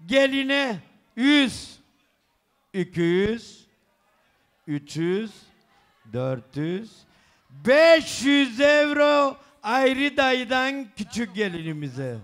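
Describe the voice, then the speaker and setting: A man working as a wedding announcer, booming out gifts and sums in drawn-out calls and bantering with guests. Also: sing-song, fairly bright tone. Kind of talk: loud festive announcement of gifts, counting sums aloud. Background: celebration music.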